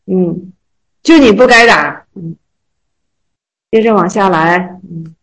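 A woman teaching Zen koans to a small group. She reads the classical lines slowly, then retells them in a chatty, joking way. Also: on the low side, fairly bright tone, low-quality recording. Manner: slow, measured reading of classical text, then chatty colloquial retelling; laughs and jokes with listeners.

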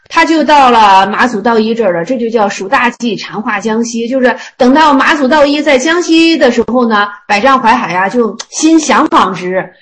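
A woman's voice: a little high, fairly bright tone. A woman telling a story casually, often repeating phrases and restarting.

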